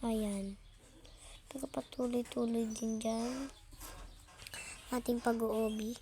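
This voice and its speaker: A woman's voice: a little high, fairly even intonation, takes it slowly. A young woman, casually commenting on her gameplay, stumbling over words and apologizing. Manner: stammering, apologetic, self-laughing. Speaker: gaming YouTuber.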